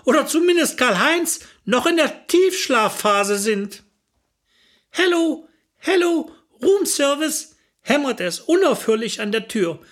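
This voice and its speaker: Animated woman telling a comic tale. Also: high voice. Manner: chatty, wry, animated. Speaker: narrator. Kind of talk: comic storytelling.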